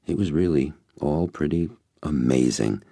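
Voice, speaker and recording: A man with an extremely deep, gravelly voice narrates a first-person audiobook. His delivery is expressive, with lively pitch movement. The recording is dry and close, with faint music underneath. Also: a little slow, no echo. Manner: storytelling, expressive.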